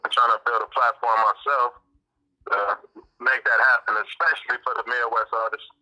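A man answering interview questions over a call, his voice fuzzy and distorted, speaking haltingly with many fillers. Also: medium pitch, steady tone, bright, forceful tone. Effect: fuzzy, distorted phone line. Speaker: guest, aspiring music promoter.

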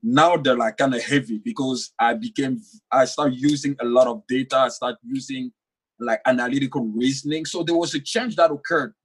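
His voice is mid-range and husky, with fairly even intonation and a moderate pace. He is a young author whose first language is French, earnestly answering in a conversational interview and repeating words as he gathers his thoughts.

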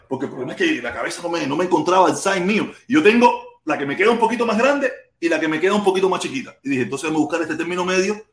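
Reading viewer comments on a casual livestream, a man from Cuba speaks in a fairly high pitch with a Cuban accent, in roomy sound with a little hiss or hum. His manner is rambling and repetitive, full of crude curses.

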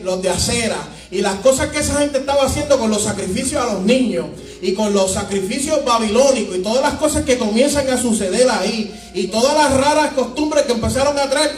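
A male pastor, preaching an animated, emphatic sermon full of stories. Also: very high voice. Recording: echoey room, mic at a distance, music behind.

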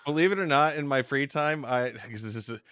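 A man's voice: medium pitch, a little fast, fairly bright tone, dry recording, studio quality. A man co-hosting a podcast, rambling in a casual, self-deprecating way with many restarts. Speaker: podcast co-host.

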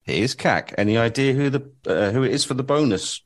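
A man's voice: medium pitch, a little fast. A man co-hosting a casual podcast, putting quiz questions to a guest in a teasing way. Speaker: podcast co-host running a quiz. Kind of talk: casual chat.

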